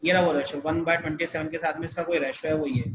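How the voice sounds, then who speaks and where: A man's voice: fairly high pitch, steady tone, fairly quick, noisy background. A man teaching a math class over a video call, explaining each step patiently. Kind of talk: online math lesson.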